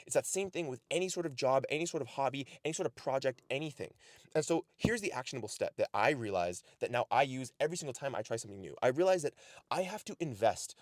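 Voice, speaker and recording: A man's voice: mid-range voice, lively intonation, fast talker, no room sound, studio quality. A man from Canada giving casual life advice to camera, earnest and direct, often asking "right?". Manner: earnest, repeats "right?" and "the reality is". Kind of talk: casual motivational talk to camera. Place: outdoors in snow.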